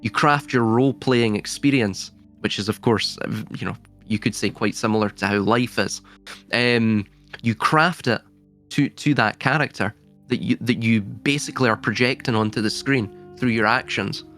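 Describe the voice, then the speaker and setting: A man speaks at an ordinary middle pitch. He talks reflectively, pausing and restarting as he feels his way to the right word, with a light laugh here and there. Quiet music sits in the background. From Scotland. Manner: reflective, searching for words, laughs now and then. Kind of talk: casual philosophical conversation.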